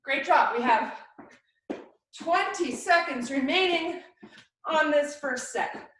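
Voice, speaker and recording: A woman's voice: high voice, animated, takes it slowly, fairly bright tone, a little hiss or hum. A woman fitness instructor coaching a live workout in short, encouraging cues and countdowns. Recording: very echoey room, distant mic.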